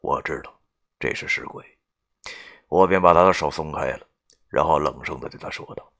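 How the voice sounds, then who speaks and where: A man narrating a novel in the first person in a gruff, coarse, swearing manner. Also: a bass voice, moderate pace, fairly bright tone. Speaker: audiobook narrator.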